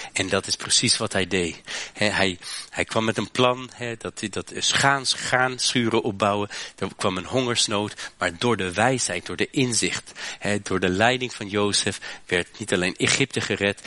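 A man from Western Europe preaching a sermon, often restarting and tagging phrases with a quick "hè". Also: on the low side, sharp tone, dry recording. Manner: preaching with frequent "hè" and repeated restarts. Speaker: pastor.

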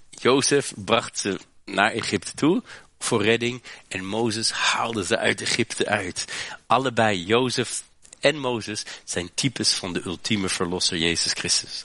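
A man from Western Europe preaching a sermon, often restarting and tagging phrases with a quick "hè". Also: on the low side, bright, forceful tone, no room sound. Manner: preaching with frequent "hè" and repeated restarts. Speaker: pastor.

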